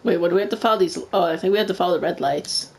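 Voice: medium pitch, rapid-fire, darkish tone. A gamer in casual co-op banter, crude and swearing constantly. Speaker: gamer playing co-op. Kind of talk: casual let's-play banter.

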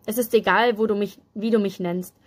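A woman's voice: medium pitch, steady tone, brisk, close to an everyday voice. A woman as a shy, insecure young woman. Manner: quiet and hesitant.

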